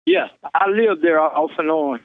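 A man's voice: a little high, expressive, a little slow, dry recording, phone-quality sound. A man in his sixties from Kansas City, Missouri, talking on a prison payphone call, plain-spoken, often restarting words and adding "man.". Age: 60s. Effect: prison payphone call line. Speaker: incarcerated interviewee. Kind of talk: casual phone interview.

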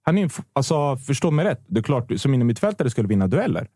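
A man talks football on a podcast in a loose, opinionated way, often breaking off and starting over. His pitch rises and falls a lot and his tone is mellow. The sound is close and dry. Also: dry recording. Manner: animated, opinionated, trails off and restarts. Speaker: podcast panelist. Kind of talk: casual football chat.

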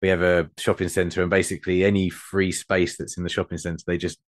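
A man's voice: low-pitched, level tone, brisk, no echo, clean studio sound. A British man co-hosting a casual podcast, rambling and self-deprecating with frequent restarts. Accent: British English. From England. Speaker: podcast co-host. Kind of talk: casual chat.

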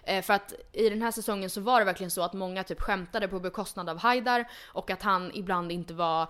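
A woman's voice: medium pitch, a bit bright. A woman hosting a casual chat podcast, talking in a chatty way with frequent fillers and restarts. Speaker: podcast host.

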